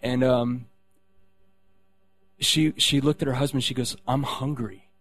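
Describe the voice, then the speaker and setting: A man's voice: medium pitch, fairly even intonation, unhurried, a bit bright. A man sharing a personal faith testimony, rambling, with many restarts and fillers.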